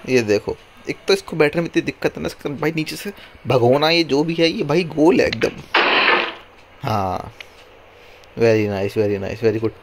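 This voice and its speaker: Hoarse male gamer talking to his character on screen, exasperated and pleading, noisy home mic with clicking behind him. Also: fairly high pitch, expressive, a little slow, pauses often. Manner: talks to his game character, exasperated and pleading, often counting one two three. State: hoarse throat. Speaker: gameplay streamer. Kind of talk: casual gameplay commentary. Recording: noisy recording with mouse clicks.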